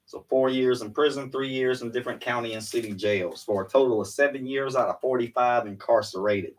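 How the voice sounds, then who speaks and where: A man's voice: medium pitch, a little fast, recorded from a distance, poor audio. A man in his forties, a podcast co-host, telling candid stories in a rambling casual chat.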